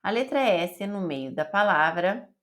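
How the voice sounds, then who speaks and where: A woman teaches an online pronunciation lesson at an unhurried pace. She spells out letters and syllables with careful, deliberate repetition. Her voice sits in a middle pitch. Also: expressive. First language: Portuguese. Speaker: Italian teacher.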